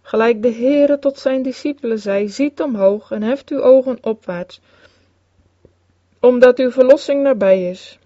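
A woman's voice: fairly high pitch, dark tone, no echo. Woman reading an old sermon solemnly. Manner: solemn, measured reading with archaic phrasing. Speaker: sermon reader. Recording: dull, lo-fi recording, dry.

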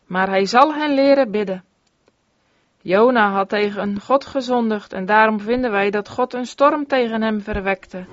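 Woman reading a sermon, fairly high voice. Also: no room sound. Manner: earnest, measured reading. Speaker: sermon reader. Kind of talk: read-aloud sermon in old-fashioned biblical language. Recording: dull, dry lo-fi recording.

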